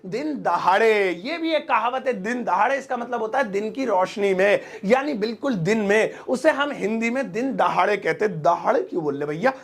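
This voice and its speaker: A man teaching English idioms in a casual, playful Hindi lesson, joking and acting out examples, repeating each English phrase slowly. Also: sits high, gravelly, fairly bright tone. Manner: playful, jokey, acts out example sentences.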